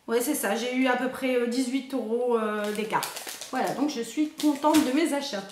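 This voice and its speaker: Young woman rambling on about her haul, kinda high voice, echoey room. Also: moderate pace, noisy background. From Belgium. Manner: chatty, rambling with many hesitations. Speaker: beauty youtuber. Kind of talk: casual haul vlog.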